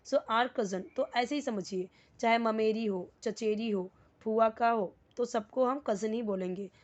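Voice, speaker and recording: A woman teaching to Hindi speakers, reading sentences slowly and then explaining them word by word. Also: a little high, muffled recording. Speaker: English teacher. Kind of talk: explaining a lesson.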